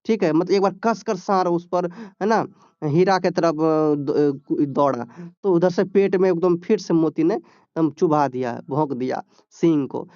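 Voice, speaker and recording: A man's voice: fairly high pitch, a little slow, darkish tone, dry recording, highs cut off. A male teacher, reading a textbook story aloud and explaining it in plain talk, often checking with "ठीक है?".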